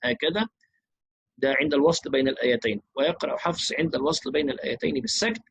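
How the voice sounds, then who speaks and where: A man teaching Quran recitation, explaining rules briskly and chanting verses slowly and melodically. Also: a little high, lively intonation, gravelly, a little hiss or hum.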